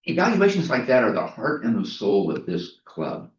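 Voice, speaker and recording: A man gives a prepared inspirational Toastmasters speech in a meeting room, storytelling with emphatic repetition in a mid-range voice marked by huge pitch swings and a moderate pace. Recorded from afar, the sound is echoey and dull.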